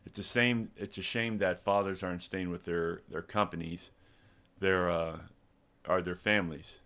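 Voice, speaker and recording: A man's voice: deep voice, a bit bright. A middle-aged man, a developer and small business owner, talking casually in a rambling live demo with many restarts and fillers. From Texas.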